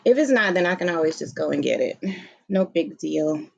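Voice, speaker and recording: A woman's voice: low voice, animated, moderate pace, vocal fry, a little mellow, breathy edge, muffled recording. Southern us lady just chatting on a live, goofy n laid back, talking thru the laptop mic. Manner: playful, silly, informal. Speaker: livestream host and author. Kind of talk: casual livestream chat. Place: room at home, seated on beanbag. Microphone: laptop's built-in mic, no plugged-in microphone. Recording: laptop built-in microphone.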